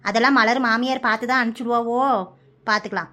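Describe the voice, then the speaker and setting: A woman voicing a middle-aged mother who reassures in quick, chatty talk. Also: on the high side, steady tone, bright, forceful tone. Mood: reassuring.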